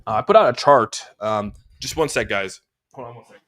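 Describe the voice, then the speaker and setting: This crypto livestream host has a medium-pitched, expressive, brisk, slightly bright voice and sounds a bit congested. Sitting in a room at home, he chats casually about charts and answers live chat, laid-back and rambling, with frequent "dude"s.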